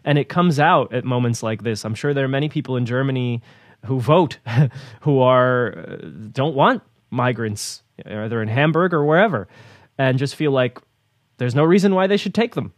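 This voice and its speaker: A man's voice: medium pitch, moderate pace, dry recording. A man co-hosting a news talk program, rambling casually with repeated words and easy laughs.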